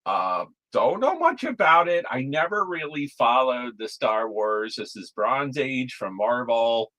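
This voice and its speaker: A man's voice: mid-range voice, big pitch swings, measured pace, bright, forceful tone. A man hosting a live comic auction stream from home, talking in a laid-back, rambling, chatty way full of fillers. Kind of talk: casual live-stream sales patter.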